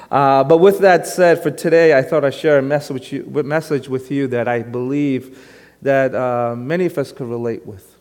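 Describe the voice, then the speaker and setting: A guest pastor in his thirties from Brooklyn, New York, delivers a sermon in a relaxed, chatty style full of fillers and self-deprecating humor. His mid-range voice sits squarely in the middle for a man, and a long reverb makes it sound like a church sanctuary.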